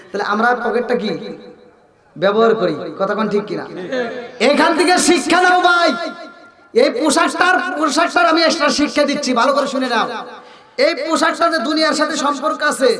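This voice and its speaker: Male preacher, very high voice, sung and shouted sermon, heard from a distance. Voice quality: melodic chanting delivery that swings between singing and shouting. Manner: asks the crowd questions for responses. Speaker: Islamic preacher. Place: large outdoor sermon gathering. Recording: echoey open-air hall sound from far off, faint music.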